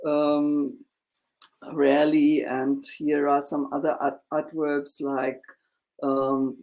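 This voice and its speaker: A woman teaching a one-on-one language lesson, explaining slowly with many fillers and checking in with "yeah?". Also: deep voice, a little mellow. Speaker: German teacher.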